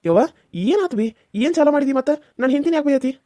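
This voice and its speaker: A woman's voice: sits high, expressive, fast, dark tone. A woman voicing a young village husband who defends his wife, with a North Karnataka accent, in a cartoon serial. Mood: protesting. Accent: North Karnataka Kannada. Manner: protesting.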